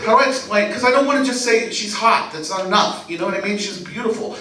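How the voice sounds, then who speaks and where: A man performing a self-deprecating stand-up set on a club stage, talking animatedly and sometimes breaking into yelling. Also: sits high, fast, recorded from a distance, a crowd in the background. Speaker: stand-up comedian. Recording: roomy club sound with loud audience laughter. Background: audience laughter.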